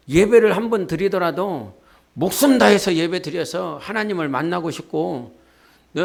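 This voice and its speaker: A man preaching a sermon as pastor, talking directly to his congregation and leading them in shouted declarations. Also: high-pitched, gravelly. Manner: often asks the congregation "예?" and talks to them directly. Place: church sanctuary.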